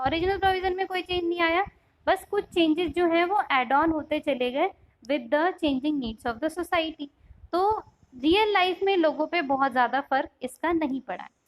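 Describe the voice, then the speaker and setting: A woman's voice: high voice, low-quality recording. A young woman teaching a lecture class, switching between Hindi and English and explaining ideas through simple everyday examples.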